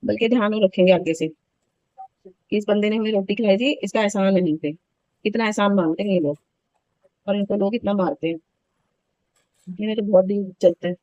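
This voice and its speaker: A woman's voice: mid-range voice, normal speed, long pauses, a little mellow, dry recording, dull audio. A woman in her thirties chatting casually in a home vlog, telling a story in an indignant, talkative way. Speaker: vlogger.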